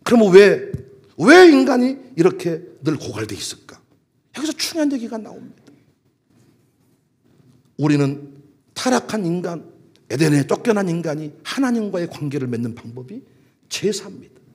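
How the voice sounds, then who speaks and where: High, husky-voiced Korean pastor preaching. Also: male voice, normal speed, long pauses. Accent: Jeolla dialect. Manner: lively preaching, shifting between loud emphatic calls and soft asides. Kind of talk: sermon.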